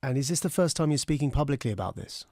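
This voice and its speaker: A man's voice: medium pitch, animated, fast, dark tone, no room sound. A man hosting a radio phone-in, asking the caller earnest questions from a studio microphone. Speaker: radio host.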